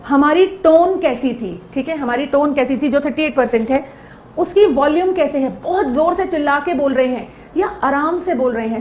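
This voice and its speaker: A woman's voice: sits high, a little mellow, reverberant, a little hiss or hum. A woman giving a lecture, explaining step by step and often checking in with her listeners. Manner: explaining with repeated check-ins. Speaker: teacher.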